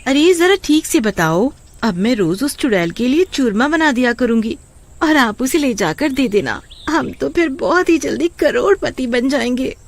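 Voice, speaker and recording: A woman voicing an excitable, scolding village wife in a cartoon, shrill and exclaiming. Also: moderate pace. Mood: excited. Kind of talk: cartoon voice acting.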